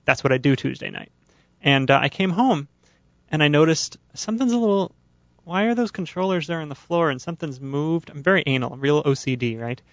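A man's voice: on the high side, expressive, a little fast, dry recording, dull audio. A man hosting a casual radio talk show, chatty and self-mocking as he tells a story in a studio. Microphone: studio microphone.

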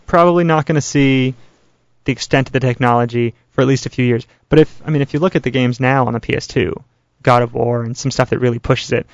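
Smooth radio host guy taking callers, talks quick, dull lo-fi broadcast sound. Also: medium pitch, steady tone, no echo. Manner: chatty and fast, keeps the talk moving between callers. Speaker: call-in radio show host.

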